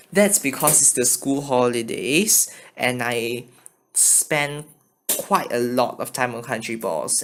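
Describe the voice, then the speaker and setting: A man's voice: medium pitch, a bit bright. A man from China with a mixed Chinese and Singaporean accent, answering viewer questions in a casual vlog, hesitant and apologetic, recorded on a phone. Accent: mixed Chinese and Singaporean English. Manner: hesitant, halting, often apologetic.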